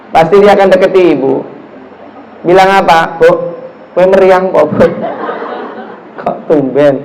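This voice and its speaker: Animated Javanese-accented preacher, high voice. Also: male voice, slight background noise, low-quality recording. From Java, Indonesia. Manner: animated storytelling, acts out dialogue, mixes in Javanese phrases. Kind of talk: lively mosque sermon in casual speech. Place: mosque.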